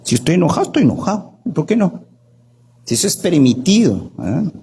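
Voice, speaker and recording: A man, a doctor, giving an animated workshop talk in Guatemalan Spanish, often asking "¿verdad?" and acting out the people he quotes. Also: on the high side, a little fast, vocal fry, breathy edge.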